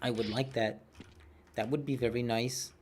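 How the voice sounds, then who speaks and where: A man's voice: medium pitch, fairly even intonation, moderate pace, a little mellow, a little hiss or hum. A man in his twenties chatting casually while streaming a game, rambling and self-mocking, with a cartoonish voice. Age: 20s. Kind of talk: casual gameplay chat.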